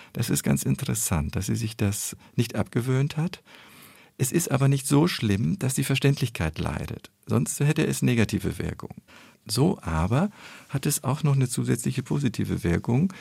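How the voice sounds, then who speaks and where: Man, low gravelly voice, husky edge, measured analytical expert explanation, dry close sound. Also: big pitch swings, darkish tone, no echo. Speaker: speech effect researcher.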